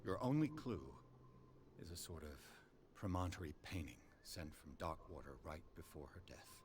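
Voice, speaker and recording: A man's voice: sits low, big pitch swings, moderate pace. An actor playing a wry, weary male private investigator who talks in a dry, clipped, sardonic way. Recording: noisy game audio.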